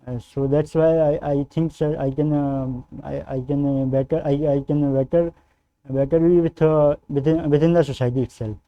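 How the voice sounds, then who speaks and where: Answering formal interview questions as a civil service candidate, this young man from northern India hesitates, halts, and defers, often with "sir." He's a native Hindi speaker with a North Indian accent. His voice is on the high side with fairly even intonation, and the recording's highs are cut off.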